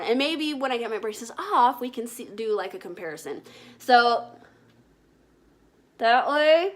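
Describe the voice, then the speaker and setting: A woman's voice: fairly high pitch, fairly bright tone. A woman vlogger chatting casually to viewers, explaining and demonstrating things as she goes.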